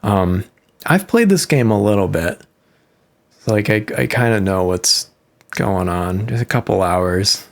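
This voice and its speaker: A man with a Midwestern accent giving relaxed, rambling commentary while playing a game, explaining as he goes with frequent fillers. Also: on the low side, unhurried. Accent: Midwestern American. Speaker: musician and host. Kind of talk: casual gameplay commentary.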